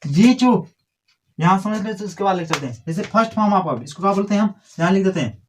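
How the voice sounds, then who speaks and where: A man's voice: high voice, lively intonation, fairly quick. A man teaching a grammar lesson to a class, drilling and correcting pupils in a scolding, repetitive way.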